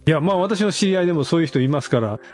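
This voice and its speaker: A man from Osaka with a Senshu Osaka accent, hosting a casual podcast chat with animated, quick talk and laughing asides. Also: fairly high pitch, soft background music. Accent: Senshu Osaka dialect. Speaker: podcast host.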